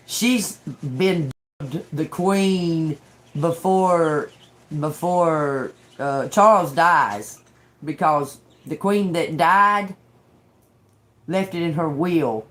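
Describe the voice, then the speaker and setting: Slow-talking woman in her fifties. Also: sits low. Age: 50s. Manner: chatty, emphatic, frequent laughs, addresses viewers as y'all. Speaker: tarot reader. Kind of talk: casual tarot reading to viewers.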